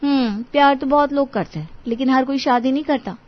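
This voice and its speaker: Woman voicing an insistent young girlfriend, high pitch, slightly dull recording. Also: fairly quick, natural voice. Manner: insistent, emotional.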